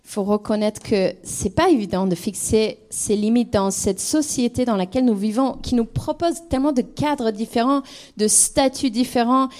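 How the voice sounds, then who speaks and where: A woman's voice: fairly high pitch, normal speed, darkish tone. Thoughtful woman with an English accent. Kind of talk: conversational teaching talk.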